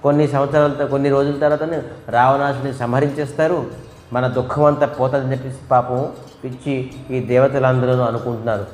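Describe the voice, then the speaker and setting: A man's voice: medium pitch, little pitch movement, a little fast, darkish tone. A man preaching a devotional storytelling sermon, asking and answering his own questions and imitating animal calls. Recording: echoey hall with faint music.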